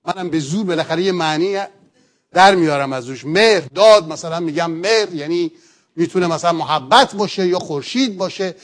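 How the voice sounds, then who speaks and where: A middle-aged man, a pastor, teaching a sermon earnestly, explaining step by step and asking rhetorical questions. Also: fairly high pitch.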